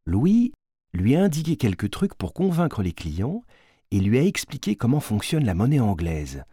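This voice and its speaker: A man narrating a storybook in an expressive, varied way with a husky voice. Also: medium pitch, moderate pace, no echo, studio quality.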